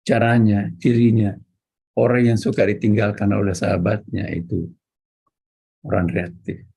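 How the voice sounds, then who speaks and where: A man preaching a religious lecture, speaking directly to his listeners and repeating key words for emphasis in a measured, teaching delivery. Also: on the low side, level tone, gravelly, mellow, husky. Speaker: Islamic preacher.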